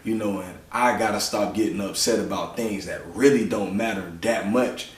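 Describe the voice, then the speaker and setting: A man's voice: fairly low pitch, fairly even intonation, moderate pace. A man hosting a podcast, talking in a loose, reflective way with lots of "you know". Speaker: podcast host. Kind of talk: casual conversational interview. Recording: roomy sound from a distant mic.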